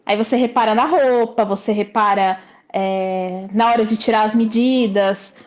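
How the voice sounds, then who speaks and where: A woman's voice: medium pitch, fairly even intonation, normal speed, darkish tone. Chatty Brazilian woman on muffled audio. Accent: Brazilian Portuguese. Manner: chatty, reflective, frequent hesitations. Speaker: client giving a testimonial. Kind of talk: casual interview.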